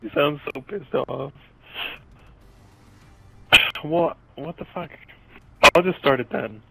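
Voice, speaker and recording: A young man chatting over a headset while gaming, excitable and swearing, yelling when things go wrong. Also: a little high, unhurried, vocal fry, husky, no echo, rough recording. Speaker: gamer in party chat. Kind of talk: casual chat while gaming.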